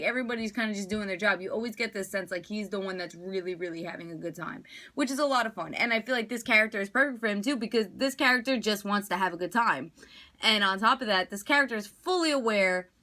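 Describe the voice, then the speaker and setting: A woman talks through a movie review in a loose, chatty way, with plenty of fillers and an eager tone. Her voice is bright and forward, and her pitch sits at an ordinary height. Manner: enthusiastic, chatty, filler-heavy. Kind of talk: casual spoken movie review.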